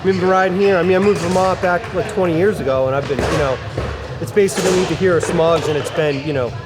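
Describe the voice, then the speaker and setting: A man's voice: fairly high pitch, fairly even intonation, fast talker, very noisy. A middle-aged man being interviewed in a casual chat, rambling in laid-back skater slang. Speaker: guest, skate park builder. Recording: music playing behind the voice.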